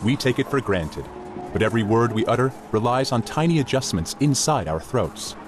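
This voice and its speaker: A man's voice: medium pitch, expressive, moderate pace, music in the background. A man reading scripted nature documentary narration.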